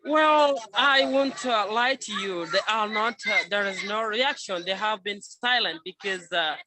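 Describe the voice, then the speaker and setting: A man's voice: high-pitched, unhurried, bright, forceful tone, rough recording. A man from Sudan, speaking as a refugee spokesman at an outdoor protest, earnest and insistent. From South Sudan. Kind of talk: press conference testimony over a call. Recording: crowd noise from an outdoor protest. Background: crowd.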